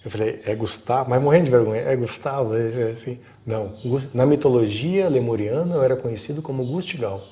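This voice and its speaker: A man's voice: mid-range voice, fast talker, hardly any pauses. A man with a Brazilian Portuguese accent telling a story in casual live-stream talk, acting out the dialogue in it. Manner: animated, acts out quoted dialogue. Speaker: guest storyteller.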